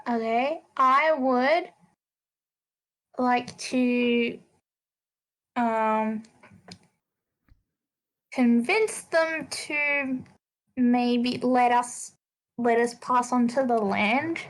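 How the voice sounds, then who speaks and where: A high-voiced woman taking her turn at a tabletop game, unhurried and a little unsure. She feels her way through each sentence, stopping and restarting, always polite. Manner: hesitant, halting, polite. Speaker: player. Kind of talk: tabletop role-play.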